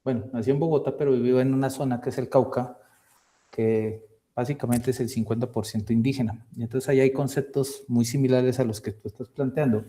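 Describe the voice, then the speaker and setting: A man from Colombia giving academic feedback on a thesis presentation, halting and repeating words as he thinks, on a video call. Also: medium pitch, steady tone, mellow. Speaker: thesis committee member.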